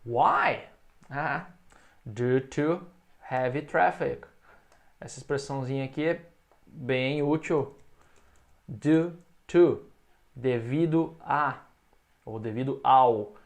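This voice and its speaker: Man teaching English, slow repeated phrases. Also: medium pitch, vocal fry. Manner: explains in Portuguese, models English phrases slowly for repetition. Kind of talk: recorded online English lesson.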